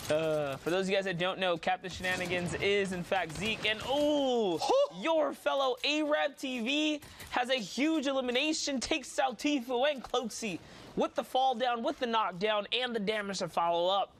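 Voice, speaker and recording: A man's voice: very high-pitched, normal speed, fairly bright tone. A man giving laid-back, chatty color commentary on a live esports match. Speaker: esports caster.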